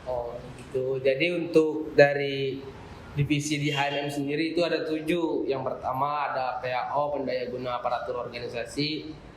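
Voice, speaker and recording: A man's voice: mid-range voice, fairly even intonation, moderate pace, a little hiss or hum. A young man, a student association chair, explaining his group at length in a casual podcast chat, with frequent fillers. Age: young adult. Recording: roomy room with faint ambience.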